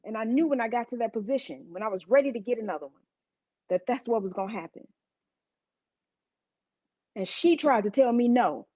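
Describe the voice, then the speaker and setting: A woman's voice: on the high side, no echo, lo-fi sound. A woman preaching a sermon, telling stories to the congregation in a conversational, emphatic way.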